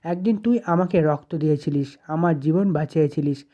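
A calm, self-sacrificing husband and elder brother, read by the story's narrator. The lines are gentle and reassuring in a mellow, dark tone. The lo-fi recording sounds dull. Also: male voice, fairly high pitch, fairly quick, natural voice.

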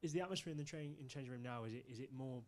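A man, a journalist, asking questions with hesitant, halting phrasing. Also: medium pitch, a little mellow.

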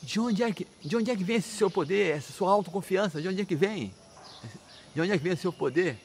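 A man's voice: sits high, expressive, fairly quick, slight background noise, voice pushed up. A man voicing an angry demon king father who threatens his devout son, in a spoken religious storytelling. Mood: demanding. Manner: indignant, threatening.

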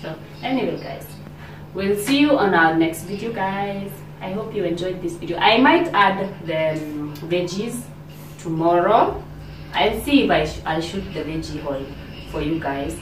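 In an echoey home kitchen, a Kenyan vlogger shows off her grocery haul in a lowish, animated voice. She chats at an easy pace with many fillers and pauses; the distant counter-mounted camera picks up room reverb and hiss.

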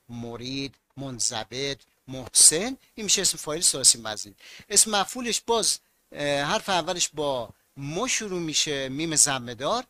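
A man's voice: fairly high pitch, sharp tone, no echo. A man with a Mashhad accent teaching an online grammar class, patiently explaining rules and asking his students questions that he then answers himself.

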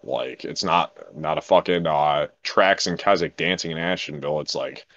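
A man speaking to camera as a game server developer, in a frustrated, profane, rapid rant. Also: rumbling low, a bit bright, highs cut off. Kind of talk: casual monologue to camera.

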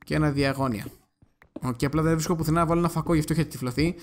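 A young man hosting a gaming channel, giving chatty let's-play commentary, talking to his viewers and breaking into excited yelps. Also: on the high side, slight background noise.

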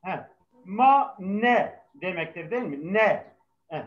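A man's voice: high voice, animated, slow. A male language teacher patiently drilling his class, his voice carrying a heavy echo from the microphone. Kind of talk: live class lesson with student call-and-response. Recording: echoing, dull microphone sound.

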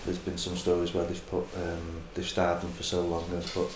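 A forty-year-old man answering interview questions haltingly, with many fillers and restarts. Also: low voice, completely flat delivery, reverberant, background noise. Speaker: interviewee, greyhound adopter. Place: indoor room, seated in armchair.

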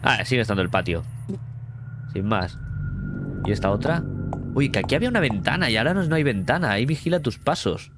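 A man's voice: medium pitch, big pitch swings, fairly quick, pauses often, noisy background. A man from Spain with a Spanish accent, streaming a horror game, reading its text aloud and reacting with startled exclamations. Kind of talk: casual let's play commentary.

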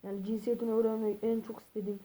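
A woman's voice: fairly high pitch, level tone, racing, warm tone, rough recording. A woman vlogging casually while handling ducks, rambling, calling her viewers friends and correcting herself. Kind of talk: casual vlog talk to viewers.

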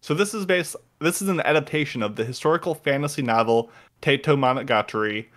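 A man's voice: mid-range voice, quick pace, a bit bright. Rambling, enthusiastic podcast co-host man. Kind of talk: casual chat, recommending an anime.

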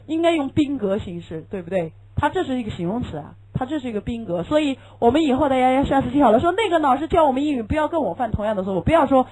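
A woman's voice: sits high, expressive, quick pace, few pauses, dark tone, low-quality recording. A woman whose first language is Chinese teaches an English lesson, explaining patiently, asking rhetorical questions and repeating key phrases. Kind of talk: classroom lecture.

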